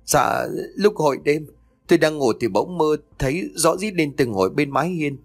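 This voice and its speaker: A man's voice: a little high, lively intonation, moderate pace, voice pushed up. A man voicing a desperate, grieving village mother who pleads through sobs. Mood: shaken. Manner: sobbing, pleading, breaking voice.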